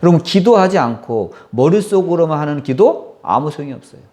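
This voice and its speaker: A man's voice: fairly high pitch, sing-song, fairly quick, a little mellow. A male pastor preaching a sermon with passion, often turning to the congregation and acting out prayers. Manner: impassioned, acts out prayers and quotes, asks the congregation.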